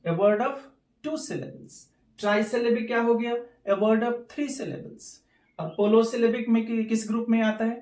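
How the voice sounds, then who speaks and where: Hindi-mixing male teacher, slow and roomy. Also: sits high, a little mellow, far from the mic. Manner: mixes Hindi and English, repeats key terms, asks rhetorical questions. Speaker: English teacher. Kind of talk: classroom lesson.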